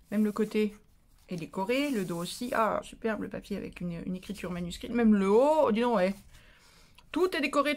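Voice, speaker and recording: A woman hosting a casual unboxing vlog for her crafting channel. She gushes, repeats herself and talks to her viewers while she opens a parcel. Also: medium pitch. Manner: gushing, excitable, repeats herself.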